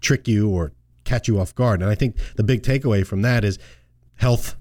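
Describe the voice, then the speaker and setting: A man's voice: lowish voice, moderate pace, dark tone, no echo, clean studio sound. A middle-aged man who is a financial advisor and host, chatting casually on a show with frequent restarts and laughs. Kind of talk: casual radio show chat.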